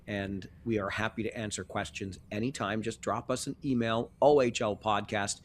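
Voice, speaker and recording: A man's voice: lowish voice, steady tone, normal speed, slight background noise. A man co-hosting a sports podcast in a genial, conversational way, chuckling now and then. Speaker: podcast co-host. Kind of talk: casual sports podcast chat.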